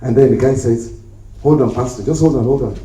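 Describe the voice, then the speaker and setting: At a conference in a hotel hall, a man tells jokey anecdotes and acts out the voices of the people in them. His medium-pitched voice is warm and a little fast. He uses a handheld mic that he later sets down, leaving him far from it in the echoey room.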